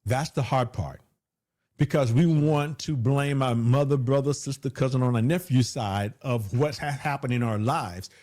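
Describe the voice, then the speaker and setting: A hypnotherapist guesting on a conversational interview, a man who says he has a big voice, speaks emphatically and repeats phrases for stress. His voice is mid-range and darkish, at normal speed.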